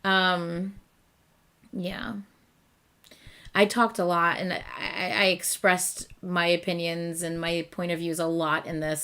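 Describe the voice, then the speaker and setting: Losing her voice, the young host of a late-night reaction stream chats easily with her viewers and laughs often. She speaks at a fairly low pitch with a fairly bright tone.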